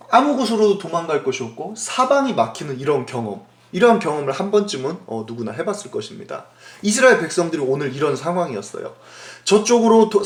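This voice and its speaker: A male pastor preaching a lively Sunday school sermon, telling a Bible story and putting questions to his young listeners. His voice is fairly high and swings widely in pitch. The sound rings around a roomy space.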